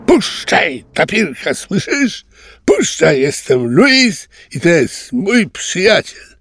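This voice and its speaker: A man's voice: mid-range voice, animated, moderate pace, gravelly, a little mellow, husky. A man voicing a curious young male ocelot cub in a storybook, eager and a bit clumsy. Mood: fierce. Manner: eager, stammering when embarrassed.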